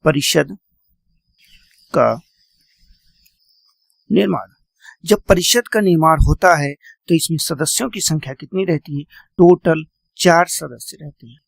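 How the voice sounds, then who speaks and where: A man's voice: a little high, normal speed, vocal fry, no echo. A man teaching a classroom lecture, repeating key points, quizzing his students and calling them "beta".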